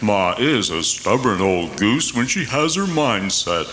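A man's voice: on the low side, sing-song, unhurried, fairly bright tone, roomy sound, a little hiss or hum. A man playing a sick, fretful Santa, groaning and plaintive in a comic audio drama. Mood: resigned. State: sick, coughing. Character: sick, fretful Santa Claus, grown son.

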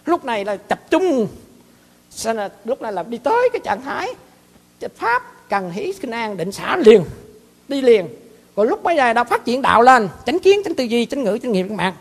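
A man's voice: very high voice, big pitch swings, moderate pace, vocal fry. A man with a Southern Vietnamese accent, a monk and abbot giving a dharma talk in a folksy, repetitive storytelling way. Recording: long hall reverb.

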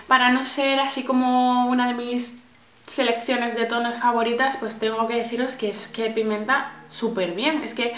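A woman's voice: on the high side, a little hiss or hum. Chatty woman vlogger in an echoey room. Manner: chatty, many restarts and fillers, addresses viewers as girls. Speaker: beauty vlogger. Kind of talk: casual makeup review.

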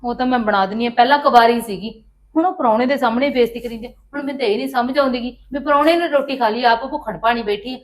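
A woman's voice: a little high, rapid-fire, close to an everyday voice. An actress playing a patient housewife who placates her demanding sister-in-law and complains to her husband. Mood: aggrieved. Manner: pleading, placating, then aggrieved. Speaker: actress in a village family drama.

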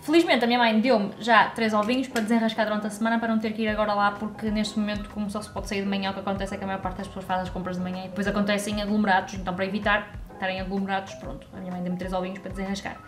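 A young woman with a European Portuguese accent, chatting excitedly in a casual vlog filmed on a handheld camera. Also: mid-range voice, racing, over music. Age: young adult. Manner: chatty, excitable, talks to her cat. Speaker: vlogger. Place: home kitchen and garden.

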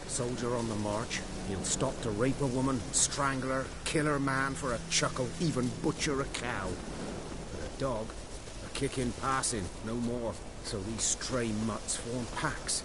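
An actor playing a grim, world-weary village huntsman in a fantasy video game, speaking in a rustic, deliberate, bitter way. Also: mid-range voice, very noisy, lightly acted. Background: loud game music.

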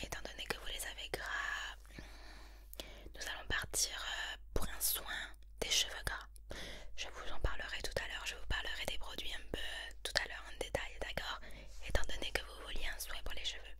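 A woman in her twenties with a southern French accent in a whispered role-play, quickly whispering close to the mic as a bossy, fussy, tactless hairdresser. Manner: rapid, bossy whispering with repeated tag questions. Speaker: ASMR performer playing a hairdresser.

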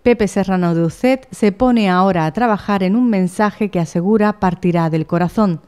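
Smooth, mellow newswoman. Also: mid-range voice, moderate pace. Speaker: news reporter. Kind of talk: scripted news narration.

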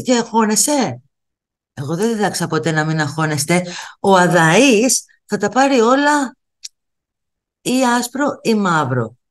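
A middle-aged woman giving a motivational talk, speaking straight to her viewers and repeating key phrases for emphasis. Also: mid-range voice. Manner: addresses viewers directly as kids. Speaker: motivational coach.

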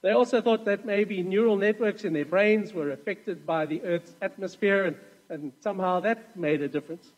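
A man's voice: high-pitched, moderate pace, in a large hall, rough recording. A man preaching a sermon as pastor, telling stories in a chatty way with asides. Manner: conversational storytelling with asides.

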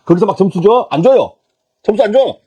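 Blunt husky man giving a lecture. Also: high voice, lively intonation, brisk, mellow, muffled recording. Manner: blunt and coarse, acts out interview exchanges. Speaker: lecturer on job interviews.

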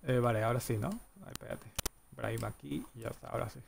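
A man's voice: mid-range voice, fairly even intonation, creaky, background noise. A man streaming live play-by-play commentary on a football video game, rattling off player names and breaking into long goal cries. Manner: rapid name-calling, bursts into drawn-out goal cries.

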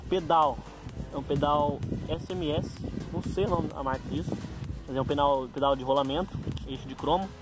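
A Brazilian man with a slightly high voice talks casually into a phone outdoors, with music behind him. He lists things informally, improvising and correcting himself as he goes. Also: steady tone, normal speed, low-quality recording. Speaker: bike owner presenting a gear check. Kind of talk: casual vlog commentary, listing parts.

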